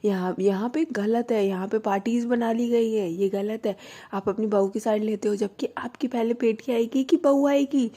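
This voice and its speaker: Woman playing a sulky, quick-tempered young woman who argues; husky, mellow tone. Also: a little high, fairly even intonation, natural voice. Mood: indignant.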